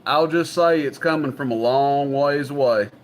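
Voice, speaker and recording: With a Southern US accent, a man hosts an evening on CB radio and livestream, chatting in a casual, folksy way. His pitch is medium and his pace moderate, with slight background noise.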